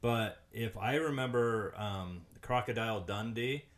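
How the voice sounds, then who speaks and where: A man's voice: lowish voice, a little slow. A man hosting a podcast, casually reading out facts with frequent hesitant ums. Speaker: podcast host.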